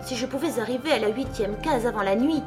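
A woman's voice: fairly high pitch, fast, over music, voice pushed up, close to an everyday voice. A woman voicing Alice, a curious, somewhat timid young girl, thinking aloud in a searching, puzzled way. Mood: musing.

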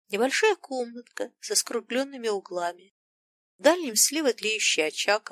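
Woman, audiobook narrator, expressive, lively pitch, dry close-miked sound. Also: no echo.

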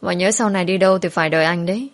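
A woman voicing a protective young schoolboy, an older brother who talks gently and reassuringly, in a spoken story. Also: on the low side, racing, close to an everyday voice.

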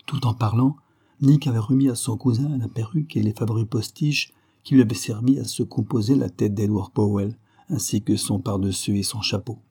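A man narrating a detective story in a steady, measured storytelling manner. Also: fairly low pitch, breathy edge. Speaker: audiobook narrator.

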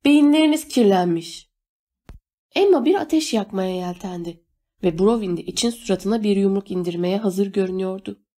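A woman reading a novel aloud as narrator, steady and measured. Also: medium pitch. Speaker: audiobook narrator. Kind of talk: scripted narration.

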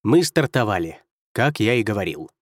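A man voicing a cheerful, stocky young military officer in an audiobook, in a brisk, amused, raised voice. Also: fairly low pitch, big pitch swings, no echo, studio quality. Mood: cheery, amused. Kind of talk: audiobook character voice.

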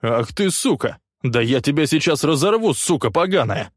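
A hoarse, snarling male detective from an audiobook thriller, a man putting him on with a voice pushed well above his own. He barks accusations hard and loud, with a raspy edge. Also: a little high, animated, normal speed, no room sound, clean studio sound, pitched above the performer's own voice.

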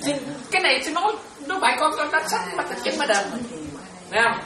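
A woman's voice: high-pitched, sing-song, quick pace. A woman, a Buddhist nun, giving an informal, chatty dharma talk, laughing often and calling her listeners her children. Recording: roomy, from far off, crowd around.

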